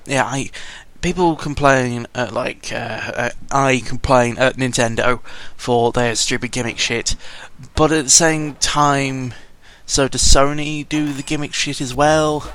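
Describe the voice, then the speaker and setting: A medium-pitched, slightly bright male voice belongs to a British gaming vlogger. His commentary is rambling and sweary, drifting between topics with frequent corrections. Music sits under the recording.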